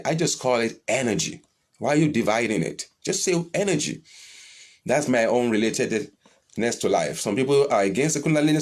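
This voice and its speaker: A man leading a live-streamed spiritual talk and answering viewer questions, blunt and animated, swearing freely and pushing his pitch up for emphasis. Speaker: spiritual teacher.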